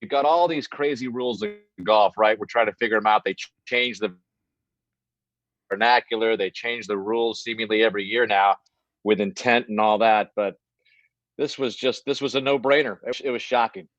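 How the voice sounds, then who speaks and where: A man's voice: lowish voice, steady tone, moderate pace, fairly bright tone, no echo. A man, a golf broadcaster, talking as a guest over a video call whose audio keeps breaking up. He rambles and restarts his sentences. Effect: choppy video call audio breaking up. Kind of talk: casual phone-in interview chat. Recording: dull lo-fi video call line.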